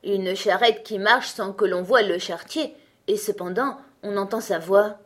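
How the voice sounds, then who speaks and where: A woman's voice: medium pitch, moderate pace, lightly acted. Woman reading a greedy scheming stranger.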